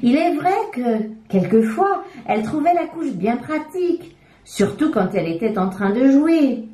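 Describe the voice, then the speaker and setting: A woman reading a children's story aloud, expressive and animated. Her high, mellow voice moves slowly and rings in an echoey room.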